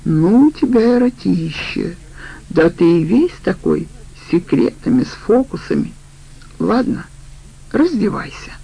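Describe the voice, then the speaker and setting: A sharp-tongued middle-aged woman in a crime audiobook needles her partner with a mocking edge, as a female narrator puts her on. The voice sits dark and a touch gravelly. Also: lowish voice, lively intonation, normal speed, rough recording. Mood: coaxing.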